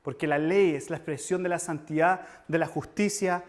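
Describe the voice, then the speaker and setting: A man delivers a sermon-style lecture to his church. His voice sits high for a man, and he speaks with earnest emphasis. He addresses the listeners directly as he teaches. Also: fairly even intonation, normal speed. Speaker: preacher teaching church history.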